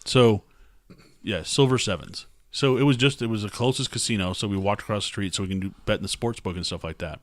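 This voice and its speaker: Sex: man. Role: podcast host. Style: casual chat among friends. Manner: rambling. Pitch: lowish. Sound: dry. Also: quick pace, no room sound. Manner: rambling storyteller, laughs at his own tales.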